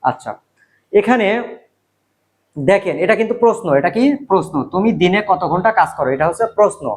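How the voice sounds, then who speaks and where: A man teaches in a casual video lesson. He repeats each word slowly, poses a question and then answers it himself. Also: high-pitched, animated. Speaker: language teacher.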